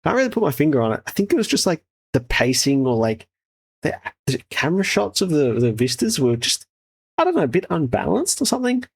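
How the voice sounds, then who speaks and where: A man's voice: a little high, wildly swooping pitch, fairly quick, gravelly, husky. A man hosting a casual trailer reaction with sweary, laddish, slangy enthusiasm. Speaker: host, game developer reviewing trailers.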